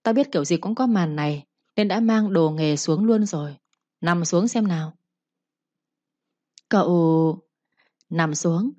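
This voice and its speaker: A woman's voice: lowish voice, a little slow, pauses often, dark tone, no room sound, highs cut off. Woman doing a cold commanding young master. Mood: menacing.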